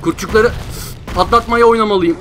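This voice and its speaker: A man's voice: high voice, a little fast, sharp tone, faint music behind. A young man giving frustrated gameplay commentary, groaning and repeating himself. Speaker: gameplay streamer.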